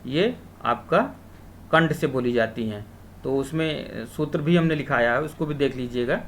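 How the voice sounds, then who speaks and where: A man's voice: mid-range voice, a bit bright, slight background noise. Male Hindi teacher quizzing himself aloud. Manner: asks questions then answers them himself, drawn-out syllables. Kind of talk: exam-prep lecture solving questions.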